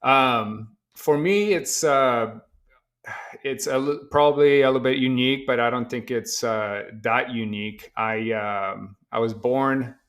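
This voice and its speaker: A middle-aged man from Poland, a company founder answering interview questions in a relaxed, hesitant way with many fillers. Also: mid-range voice, a little slow. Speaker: guest, tech company founder. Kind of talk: casual interview conversation.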